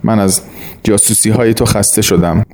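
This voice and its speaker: Evasive teenage son, read by a man with a deep gravelly voice, curt and flat. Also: lightly acted. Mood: angry. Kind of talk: audiobook reading.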